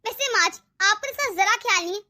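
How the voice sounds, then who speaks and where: A woman's voice: very high voice, expressive, quick pace, pushed and bright, full character voice. A woman voicing a bossy, impatient young daughter-in-law in a cartoon, scolding sharply. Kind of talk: cartoon dub voice acting.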